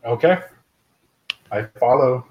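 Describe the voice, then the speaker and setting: A man's voice: mid-range voice, lively intonation, slow pace, dull audio, slight background noise. A man playing a tabletop role-playing game, talking casually as one of the players.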